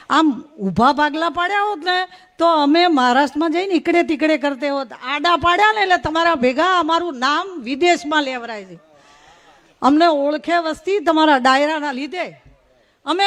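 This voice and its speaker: A woman's voice: sits high, a bit bright. A middle-aged woman from Gujarat, giving a humorous, folksy storytelling speech at a religious gathering. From North Gujarat. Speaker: guest speaker at a religious gathering.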